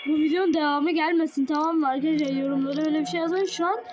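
A woman's voice: high voice, steady tone, very fast, dull audio, over music. A young woman commenting on a horror game as she plays, jittery and frightened, talking straight to her viewers. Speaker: gaming video creator.

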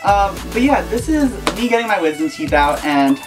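A man's voice: sits high, very animated, normal speed, over music. A young man hosting a vlog, chatting casually to camera in a small room. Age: young adult. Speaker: vlog host. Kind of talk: casual video intro to camera.

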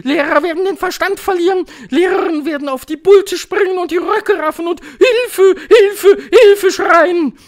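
A man voicing a cruel old female witch queen, shrill and commanding, gloating in clipped declarations for an audiobook. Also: moderate pace, hardly any pauses. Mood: triumphant, thundering. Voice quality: shrill, thundering. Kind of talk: audiobook reading.

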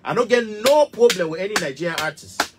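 Speaking straight to camera in a small studio, this man in his thirties, a musician with a Cameroonian Pidgin English accent, delivers a fiery rant full of emphasis, repetition, and gestures. His high voice is animated and a little fast, with music in the background.

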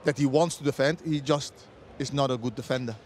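A middle-aged man debating as a football pundit pitchside, with many restarts and non-native phrasing. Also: fairly even intonation, fairly quick, darkish tone, a little hiss or hum. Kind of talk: studio-style punditry debate. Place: outdoors pitchside at a stadium. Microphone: handheld mic.

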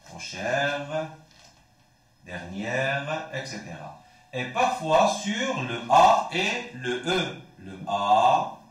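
A male teacher with a Moroccan accent explains a French lesson slowly. His pitch rises and falls a lot as he stresses each word. He sounds like he is in a very echoey room. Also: a bit bright. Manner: slow, repeating words, asking then answering itself. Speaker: primary school French teacher. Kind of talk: classroom lesson.

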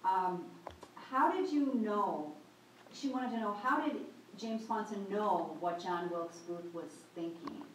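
A woman's voice: mid-range voice, expressive, takes it slowly. A woman moderating a book group on a conference call, asking a question with hesitant ums and uhs. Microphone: conference call line. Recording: very echoey, distant, noisy line.

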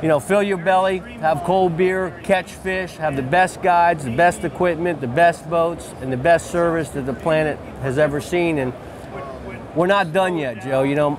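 At a crowded convention hall booth indoors, a man in his forties who outfits a fishing lodge tells his story with eager repetition during an interview. He speaks a little high at normal speed, recorded on a lapel mic amid crowd chatter.

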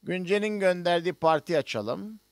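High-voiced man teaching notation. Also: normal speed, no room sound, studio quality. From Turkey. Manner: explains step by step while working on screen, with many hesitations. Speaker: music professor. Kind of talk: online music notation lesson.

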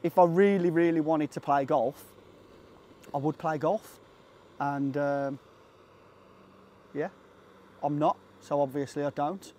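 A man's voice: on the high side, fairly even intonation, slow, pauses often, warm tone, a little hiss or hum. A man chatting casually to camera on a hike, joking about himself and talking to his dog between thoughts. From England. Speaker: vlogger. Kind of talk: casual vlog chat. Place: outdoors on a hiking trail.

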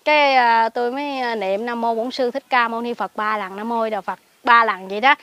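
A woman with a Southern Vietnamese Mekong Delta accent, a lay Buddhist recluse telling a story outdoors in a garden, swinging between hushed asides and excited outbursts. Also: a little high, fairly quick, dull audio. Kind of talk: casual spoken storytelling.

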